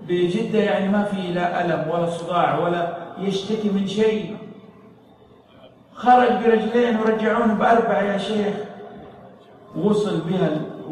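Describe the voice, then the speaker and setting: A man delivers an emotional sermon, his voice riding a little high as he moves from fervent, loud pleas to quiet, hushed storytelling. The mic sits well back, so heavy echo fills a large hall. A faint hiss runs underneath. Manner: impassioned, swinging from loud pleading to hushed. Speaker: preacher. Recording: echoey hall, distant mic, faint noise.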